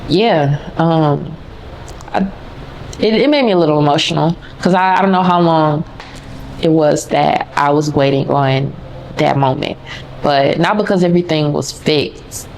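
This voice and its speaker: A woman hosting a podcast tells her story in a low, gravelly voice, candid and conversational, speaking straight to her listeners. A faint hiss of noise sits under the recording. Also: unhurried, darkish tone. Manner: candid, casual and conversational, addresses listeners as y'all. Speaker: podcast host. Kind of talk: personal storytelling monologue.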